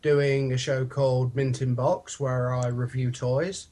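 A man's voice: medium pitch, level tone, unhurried, warm tone. A man with a British accent chatting casually as a guest on a podcast. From Britain. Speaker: podcast guest, toy reviewer. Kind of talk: casual chat.

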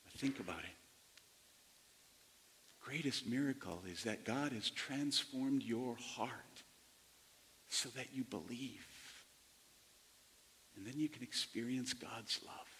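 A male pastor addresses his congregation in a sermon, laying out his phrases deliberately with pauses between them. His mid-pitched voice carries a long hall reverb. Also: a bit bright, a little hiss or hum.

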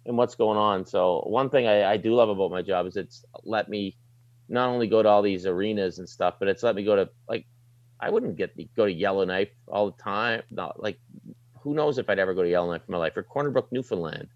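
A middle-aged man with a fairly low voice and a light Maritime Canadian twang talks casually, like a broadcaster off duty. He is plain-spoken and slangy, in a dry, slightly dull recording. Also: brisk, no room sound. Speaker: sports broadcaster, desk anchor. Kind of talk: casual interview chat.

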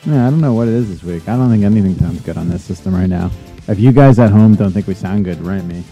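A man co-hosting a podcast in casual chat over an internet call, his sound muffled and bass-heavy. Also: fast talker, mellow, soft background music. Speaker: podcast co-host.

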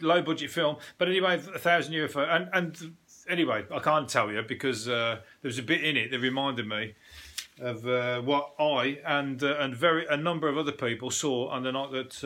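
A man's voice: medium pitch, sharp tone. A man hosting a solo podcast from home, rambling casually with self-deprecating humour and the odd swear. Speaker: podcast host.

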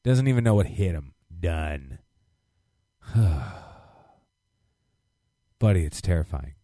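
Animated, swearing man in his thirties. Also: sits low, slow pace, no echo, clean studio sound. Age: 30s. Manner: profane, animated reactions. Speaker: podcast co-host. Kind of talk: casual chat.

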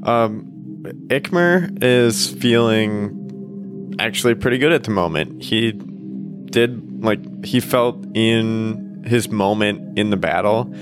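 A man playing a tabletop game, describing his character in a thoughtful, halting way. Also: medium pitch. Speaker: player. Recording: guitar music under voice.

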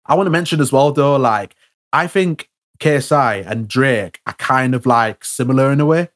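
A young man, talking casually about music with a friend. He stumbles, restarts and repeats words often, padding his speech with fillers. His voice sits at an ordinary middle pitch. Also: moderate pace.

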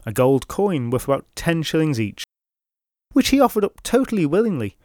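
A man's voice: a little high, big pitch swings, normal speed, a little mellow, no room sound, clean studio sound. A man narrating British legends in a scripted, wry style with comic asides. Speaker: storyteller.

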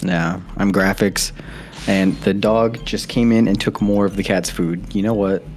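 A man's voice: deep voice, fairly even intonation, a little slow, darkish tone, soft background music. A man co-hosting a podcast over a video call, chatting casually and rambling with loose swearing. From Arizona. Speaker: podcast co-host. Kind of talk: casual chat.

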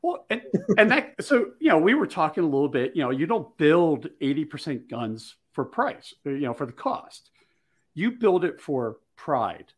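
A man's voice: a little high, very animated, moderate pace, slightly rough. A man from Maryland, hosting a podcast, telling a story in casual chat and acting out the quoted dialogue. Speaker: podcast host.

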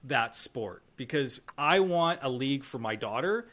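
A man's voice: medium pitch, lively intonation, unhurried, a bit bright. A man from Northern Canada, around his thirties, hosts a podcast. He talks casually and rambles, leaning on fillers as he builds to his questions. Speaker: podcast host.

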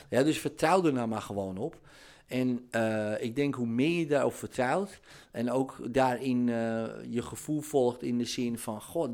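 A man's voice: medium pitch, a little mellow. Male hypnosis trainer, casual advice podcast, rambling and filler-heavy delivery. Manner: rambling, chatty, many fillers and "weet je wel". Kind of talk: casual advice talk, answering a listener.

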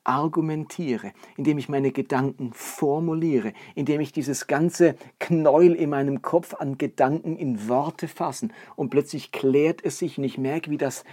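A man's voice: fairly high pitch, a little slow, hardly any pauses, warm tone. A man giving a sermon, explaining earnestly and building his points with lists and rhetorical questions. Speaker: preacher. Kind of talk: sermon teaching.

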